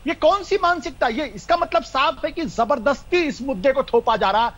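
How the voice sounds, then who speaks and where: Very high-voiced man asking rhetorical questions. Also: normal speed, a bit bright, lo-fi sound. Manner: rhetorical, fires pointed questions. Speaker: debate panelist. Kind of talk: heated political debate.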